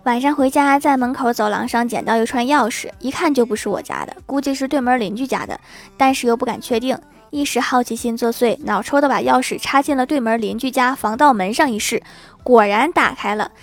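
Speaking fairly quickly in a fairly high voice, a young adult comedy storyteller reads out scripted, funny short stories. Her tone is playful and self-mocking with laughing asides, over faint background music.

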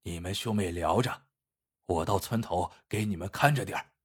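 A male storyteller voicing a poor old village uncle who speaks low, calm and earnest. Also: moderate pace, slightly rough.

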